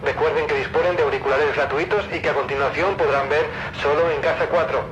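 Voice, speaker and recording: A man as a calm airline captain on the cabin speaker. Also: a little high, brisk. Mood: reassuring. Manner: calm, reassuring, formal announcer tone. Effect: cabin loudspeaker announcement from the cockpit. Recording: muffled lo-fi audio with clear engine hum.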